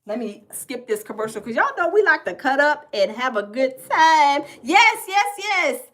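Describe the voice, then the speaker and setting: A woman's voice: high voice, sing-song, moderate pace, a bit bright. A woman from the American South with a Southern accent, hosting a casual livestream, chatting folksily with viewers and reading their comments aloud. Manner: chatty, folksy, repeats herself. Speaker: livestream host.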